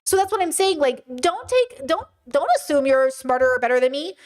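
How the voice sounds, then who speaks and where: A woman's voice: high-pitched, expressive, brisk. A woman in her thirties hosting a stream, ranting bluntly and swearing freely as she reacts to chat. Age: 30s. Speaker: streamer host. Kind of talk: casual commentary on a stream.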